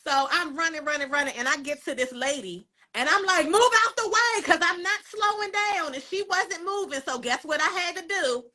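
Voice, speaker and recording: A woman co-hosting a live show, telling a story in an animated, dramatic way with asides to her listeners. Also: sits high, normal speed, hardly any pauses. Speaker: co-host. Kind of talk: casual storytelling chat.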